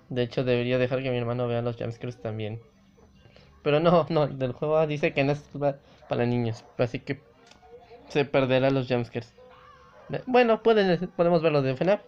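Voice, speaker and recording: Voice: mid-range voice, moderate pace, clean tone. Un jugador que comenta una partida de un videojuego, sobresaltándose y soltando palabrotas con los sustos. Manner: jumpy, exclaims and swears at scares. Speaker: gamer playing a visual novel. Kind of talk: let's play commentary. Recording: dull lo-fi recording.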